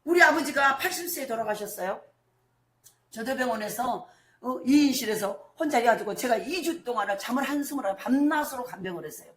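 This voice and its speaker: A high-pitched middle-aged woman pastor delivers an impassioned sermon, dropping to near-whispers and then rising to shouts. Her voice rings through a reverberant church hall. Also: expressive, brisk. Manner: impassioned preaching, swinging from hushed storytelling to shouted declarations. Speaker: senior pastor. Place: church sanctuary.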